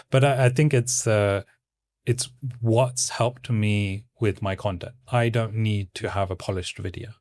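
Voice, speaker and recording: A man speaking as a guest in a casual interview, with a stoic, calm, monotone delivery. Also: on the low side, no echo, studio quality. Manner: stoic, measured. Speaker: guest, content creator.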